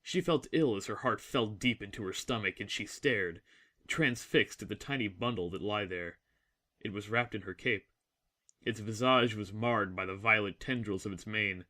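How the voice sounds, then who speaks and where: A man's fairly low, brightly forceful voice carries a dramatic narrative. He reads it solemnly, at a measured pace, in a literary manner.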